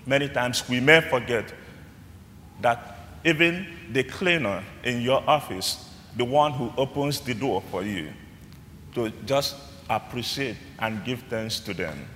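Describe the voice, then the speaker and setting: A man preaching a sermon as a priest, in measured phrase-by-phrase delivery, his voice carrying a cathedral-like echo. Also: medium pitch, a bit bright, a little hiss or hum. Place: large church. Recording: long church reverb, faint room ambience.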